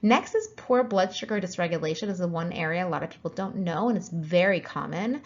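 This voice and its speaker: Gravelly-voiced woman explaining health topics. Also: fairly low pitch, expressive, fairly quick, highs cut off. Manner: explanatory, with frequent ums and self-corrections. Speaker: functional medicine practitioner. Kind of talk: educational health talk.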